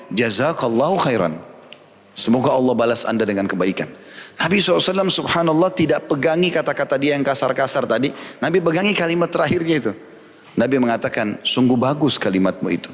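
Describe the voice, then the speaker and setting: Quick preacher guy, acts out the quotes, long hall reverb. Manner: storytelling, acting out quoted dialogue in a raised pitch. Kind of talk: religious lecture.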